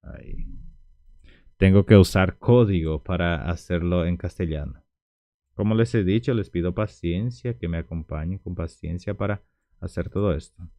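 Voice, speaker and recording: A man's voice: low-pitched, moderate pace, dark tone, no echo, muffled recording. A man teaching a language lesson at a whiteboard, speaking patiently and repeating words for practice.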